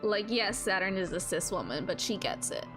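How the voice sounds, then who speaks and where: A woman streaming a visual novel playthrough, reacting out loud in a gushing, emotional and expressive way. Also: mid-range voice, moderate pace, over music. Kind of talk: live game playthrough, reading dialogue aloud and reacting.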